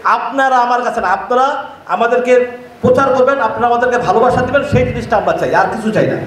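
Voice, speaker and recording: A man's voice: extremely high pitch, fast talker, a bit bright, a little hiss or hum. A man with a Bangladeshi Bengali accent gives a heated, combative speech to reporters at an event, jeering at critics with repeated rhetorical questions. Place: event hall with crowd and reporters. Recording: very echoey hall.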